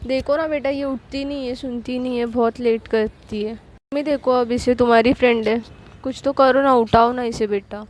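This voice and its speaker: A woman's voice: on the high side, steady tone, moderate pace, a little mellow, close to an everyday voice. A woman voicing a fussy middle-aged mother who scolds her daughter and fusses over her daughter's friend. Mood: complaining. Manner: scolding, insistent.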